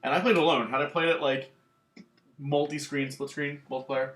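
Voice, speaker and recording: A man co-hosting a gaming channel rambles casually about video games, using lots of "um" and "like." His voice is a little high, fairly bright and steady, and fairly quick. The room sounds echoey.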